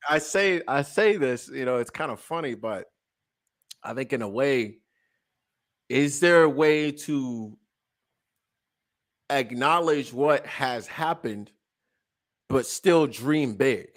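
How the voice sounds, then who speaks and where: A man in his late twenties co-hosting a podcast, chatting casually in an animated, joking way, with frequent stammered restarts and laughter. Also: mid-range voice, takes it slowly, long pauses. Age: late 20s. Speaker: podcast co-host. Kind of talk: casual chat.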